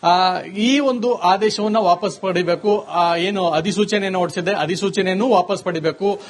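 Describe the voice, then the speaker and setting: A man's voice: high voice, normal speed. A man reporting live on politics, talking fluently but dropping in many hesitation fillers. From Karnataka, India. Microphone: phone or remote live link.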